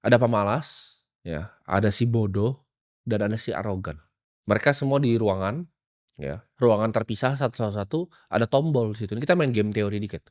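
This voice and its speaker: A man's voice: fairly low pitch, moderate pace, a little mellow, no echo, clean studio sound. A man, lecturing in a confrontational, mocking rant as a finance vlogger. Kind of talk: ranting motivational lecture.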